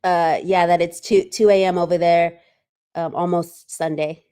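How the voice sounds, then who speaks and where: A woman hosting a relaxed livestream, her voice smooth and clear. She talks loosely and stops often to read viewer comments aloud, filling pauses with ums and uhs. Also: lowish voice. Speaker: livestream host. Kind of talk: casual livestream chat.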